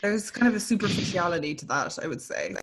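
A woman's voice: on the low side, fast, husky. A young woman, hosting a casual podcast chat and asking thoughtful questions. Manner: relaxed, thoughtful, asks questions. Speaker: podcast host.

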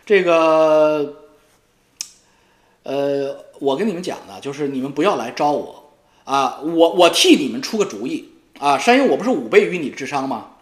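A man's voice: fairly high pitch, lively intonation, moderate pace. A man in a profane, mocking monologue as a YouTube commentator, taunting a rival. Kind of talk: ranting monologue. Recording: roomy echo.

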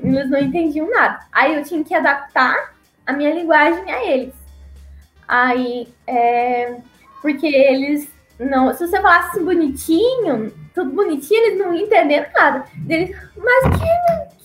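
A young woman from Paraná in southern Brazil, a former missionary appearing as a guest, tells stories in a casual conversation, laughing often and using a higher voice to act out the people she quotes. The sound is reverberant.

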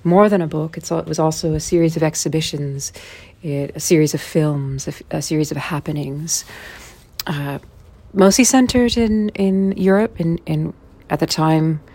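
A woman in her forties hosting a listening series, musing in an unhurried way with small self-corrections. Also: sits low, dark tone. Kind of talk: unscripted spoken introduction. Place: indoors in Toronto.

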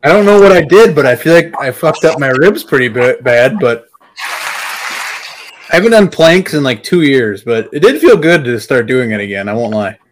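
A man's voice: medium pitch, big pitch swings, normal speed, poor audio. Blunt man with a Wisconsin accent. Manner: blunt, profane, rambling. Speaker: podcast co-host. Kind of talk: casual podcast chat.

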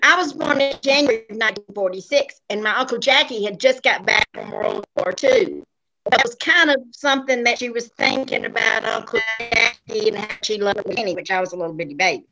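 A woman's voice: a little high, fairly quick, sharp tone, dull audio, faint music behind. A woman in her seventies with a Southern accent, hosting a podcast and telling family stories in casual chat. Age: 70s. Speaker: podcast host.

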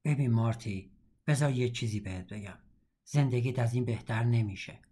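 A man's voice: medium pitch, dark tone, husky, natural voice. A man reading the part of a bitter, scarred middle-aged prisoner in an audiobook, with a blunt, mocking, matter-of-fact manner. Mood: blunt cynical.

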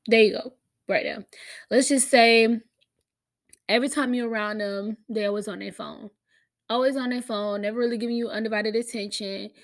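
Woman, American accent, fairly high voice, slight cold, casual podcast talk, frank, emphatic, slangy. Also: fairly even intonation, normal speed. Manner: candid, emphatic, slangy and profane. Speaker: podcast host.

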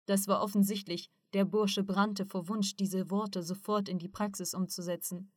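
Woman reading an audiobook story, mid pitch, steady and even, super dry close sound. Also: moderate pace, no room sound. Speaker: narrator. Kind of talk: audiobook narration.

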